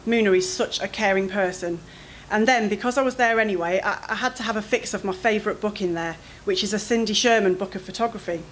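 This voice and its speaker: A woman reading her own first-person fiction aloud at a literary event, in an expressive, anxious storytelling manner. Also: mid-range voice, quick pace, hardly any pauses, a little hiss or hum, low-quality recording.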